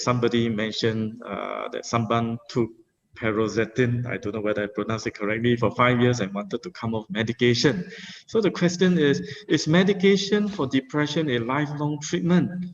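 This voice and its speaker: A man moderating a webinar, briskly reading audience questions aloud and handing them to panelists. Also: mid-range voice. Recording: dull video call audio.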